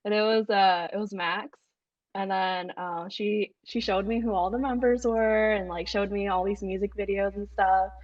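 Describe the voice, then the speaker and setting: A woman chatting casually on a podcast, telling a story in a relaxed way with many fillers. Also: medium pitch, moderate pace. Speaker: podcast co-host. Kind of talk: casual chat. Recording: dull, distant mic.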